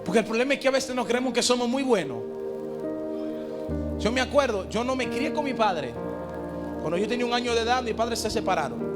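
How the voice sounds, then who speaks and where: Young male preacher, high voice, fervent sermon delivery, loud music bed. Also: lively intonation, a little fast, pauses often. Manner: impassioned storytelling, building to shouts. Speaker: pastor.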